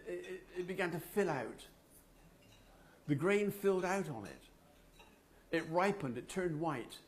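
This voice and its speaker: A man giving a personal testimony to a men's group, telling his story slowly and dramatically with long pauses. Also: on the high side. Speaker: speaker at a men's fellowship meeting.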